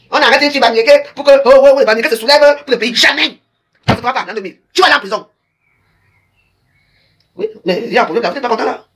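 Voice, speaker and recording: A woman speaks quickly to her viewers on a live stream. Her voice is husky. She lectures them in an emphatic, repetitive way. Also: mid-range voice, a bit bright.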